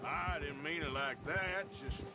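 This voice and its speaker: A man's voice: fairly high pitch, unhurried, over loud music, lightly acted. An American man playing a rugged, plain-spoken outlaw in a video game, laconic, folksy and a little hesitant. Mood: reflective, uneasy. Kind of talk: naturalistic video game acting. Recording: game dialogue with outdoor ambience, horses.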